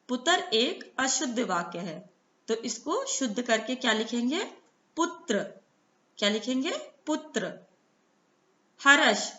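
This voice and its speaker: A woman's voice: a little high, sharp tone. A woman teaching a primary school class online, asking questions and patiently answering them herself. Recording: echoey room, dull lo-fi sound.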